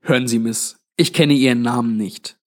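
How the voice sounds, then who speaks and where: A man's voice: mid-range voice, fairly even intonation, normal speed, natural voice. A mocking, sulky young man of about twenty, read by a male narrator close to his own voice. He murmurs his lines with a sneering edge, like a stubborn child talking back. An audiobook figure, moody and sarcastic. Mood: grave.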